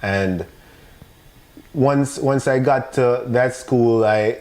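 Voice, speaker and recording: Man, Jamaican English accent, dark mellow tone, casual storytelling, emphatic repetition, mid-pitched. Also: fairly even intonation, takes it slowly, poor audio. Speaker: podcast guest.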